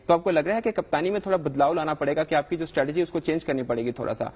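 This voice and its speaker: A man's voice: fairly high pitch, darkish tone, breathy edge, big-room sound. A young adult man, a sports reporter, answering questions in a live news interview in an earnest, defensive way with frequent hesitations.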